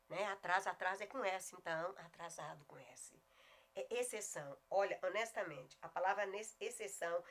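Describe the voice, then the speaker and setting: A middle-aged woman with a Goiás Brazilian accent teaching a video lesson on spelling, emphatic and often slowing down to spell words out. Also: mid-range voice, fairly bright tone. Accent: Goiás Brazilian Portuguese. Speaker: Portuguese teacher.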